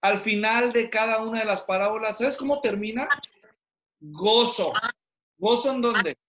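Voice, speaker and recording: A man teaches pastors over a video call, his voice high for a man. He keeps firing questions at his students to pull answers out of them. The room around him sounds roomy and echoey. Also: unhurried, fairly bright tone. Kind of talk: interactive online class. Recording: roomy echo.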